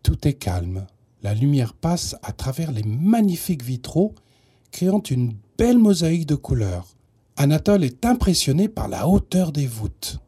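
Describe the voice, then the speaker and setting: A man reading a children's story aloud in an expressive storybook narration. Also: on the high side, a little slow, breathy edge.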